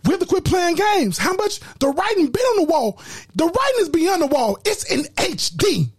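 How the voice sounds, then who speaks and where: A man preaching an impassioned sermon, shouting, stammering and repeating words as he drives his points home. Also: very high voice, very animated, moderate pace, no room sound, studio quality.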